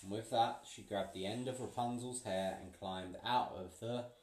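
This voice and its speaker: A man reading a picture book aloud to a child, playful and pausing so the child can finish sentences. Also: on the low side, fairly even intonation, a little mellow. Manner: playful, pauses for the child to fill in words. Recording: roomy, from a distance.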